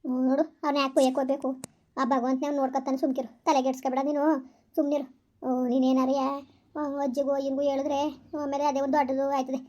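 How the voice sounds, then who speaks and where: A woman plays a weary village mother, rattling off her words at a breakneck clip. Her voice sits high and barely moves in pitch, firm and fatalistic as she hushes her child. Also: little pitch movement, natural voice. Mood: resigned. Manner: fast, scolding, fatalistic. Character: weary village mother, scolding yet resigned. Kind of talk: village family drama.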